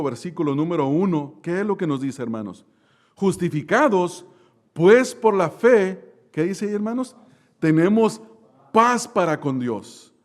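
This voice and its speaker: A male pastor preaching a sermon, slowing down to stress key words, asking the congregation questions and telling a lively story with sudden loud bursts. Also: a little high. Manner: preaching with slow drawn-out emphasis and direct questions to the congregation.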